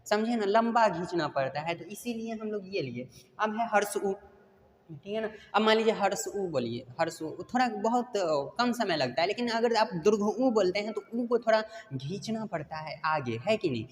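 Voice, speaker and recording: A man's voice: high voice, expressive, normal speed. Man teaching grammar in an echoey hall. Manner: repetitive, drills points with tag questions. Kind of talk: online grammar lesson. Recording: long hall reverb, faint noise.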